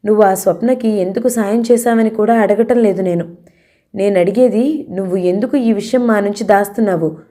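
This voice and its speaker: Stern older man, read by a woman, scolding, accusing, mellow tone, audio novel. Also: high-pitched, normal speed, lightly acted. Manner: scolding, interrogating.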